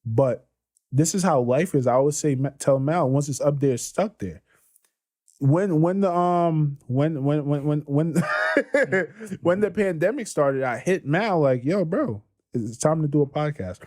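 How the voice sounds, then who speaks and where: A man in his twenties, a guest on a podcast, telling his story in a casual, excited way, full of slang and restarts. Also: on the high side, a little slow. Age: 20s.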